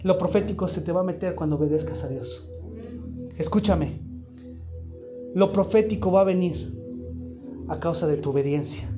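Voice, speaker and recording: A man's voice: high voice, moderate pace, long pauses, music in the background. A man preaching a live sermon to a congregation, emphatic and throwing repeated questions at the room. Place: church hall, live congregation.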